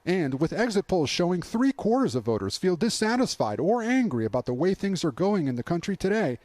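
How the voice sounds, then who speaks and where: Animated, higher-pitched American male news reporter. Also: fairly quick, dry recording. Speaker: news correspondent. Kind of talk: scripted news narration.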